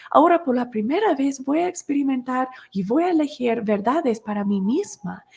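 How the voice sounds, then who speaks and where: Expressive woman teaching an emotions course. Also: mid-range voice. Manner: expressive, acts out dialogues, answers viewer comments. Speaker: course instructor. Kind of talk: conversational teaching video.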